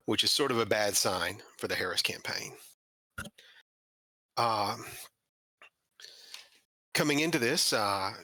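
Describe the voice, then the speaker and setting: Man, podcast host, sardonic, mocking, bright tense voice, dry close sound. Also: lowish voice, no echo. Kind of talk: scripted monologue then casual chat.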